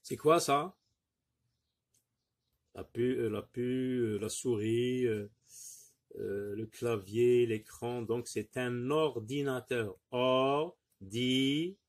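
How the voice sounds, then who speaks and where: A man's voice: medium pitch, a little mellow. A man teaching a phonics lesson to young pupils, patiently sounding out words syllable by syllable and encouraging the class. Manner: repeats words slowly, syllable by syllable.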